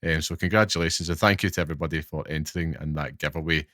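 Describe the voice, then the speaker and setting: A man's voice: extremely low pitch, fairly even intonation, racing, a bit bright, no room sound, studio quality. A man with a thick Glaswegian accent, hosting and interviewing on a podcast. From Glasgow, Scotland. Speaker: podcast host.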